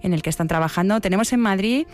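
Woman, radio host, studio, chatty, inviting, mid pitch. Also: quick pace. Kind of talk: radio interview.

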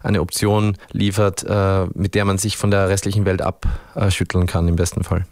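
Austrian frontman, low voice, dry studio sound, talks in restarts. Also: flat delivery, normal speed, darkish tone, dry recording. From Upper Austria. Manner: thoughtful, searching for words, many restarts. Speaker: band frontman, guest. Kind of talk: radio interview.

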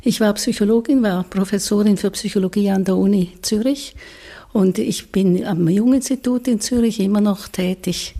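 A woman's voice: medium pitch, moderate pace, warm tone. A woman in her eighties with a Swiss accent, a psychologist speaking frankly in a recorded interview. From Switzerland. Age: 80s.

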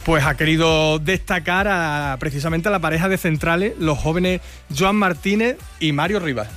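A man's voice: fairly high pitch, moderate pace, fairly bright tone, soft background music. Chatty male radio sports reporter. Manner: conversational, reporting with fillers.

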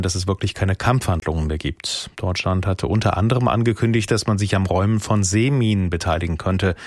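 Low-voiced male newsreader, dry studio sound. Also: no echo. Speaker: radio newsreader. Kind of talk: scripted news reading.

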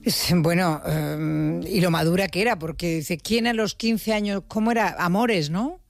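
A woman hosting a radio interview, asking questions in a warm, encouraging way. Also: fairly low pitch, normal speed, vocal fry, dry recording, soft background music. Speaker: radio host.

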